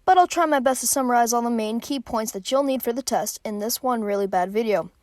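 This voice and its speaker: A woman's voice: a little high, fast talker, a little mellow. A young woman narrating a sarcastic comic history explainer, recorded on a phone. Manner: sarcastic, playful. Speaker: video creator.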